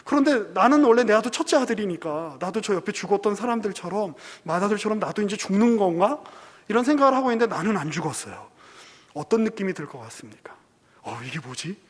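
A man with a high, light voice preaches a sermon in a hall. He tells the story conversationally, acting out quoted lines and turning to the congregation with asides. The sound rings with a long reverb. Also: lively intonation, fast talker. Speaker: pastor.

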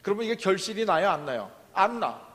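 A man's voice: high-pitched, very animated, fast, a bit bright. A man preaching a sermon as a pastor, asking the congregation questions and answering them himself. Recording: long reverb of a large hall.

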